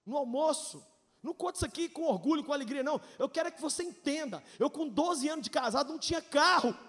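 Preaching his personal testimony, a Brazilian pastor in his 40s speaks in a very high-pitched voice with lively intonation and a quick pace. A long hall reverb rings behind him as he tells his story emotionally, shifting between loud shouting and soft asides and cracking jokes.

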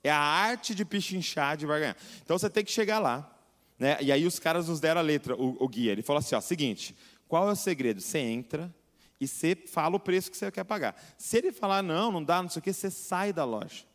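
A man preaching a sermon, telling a story in an animated way and acting out the voices of the people in it. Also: a little high, fast. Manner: animated storytelling, acts out voices, rising to fervent. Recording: long hall reverb.

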